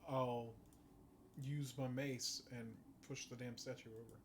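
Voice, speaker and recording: A man's voice: medium pitch, fairly even intonation, unhurried, noisy background. A man bantering casually as a player in a tabletop role-playing game.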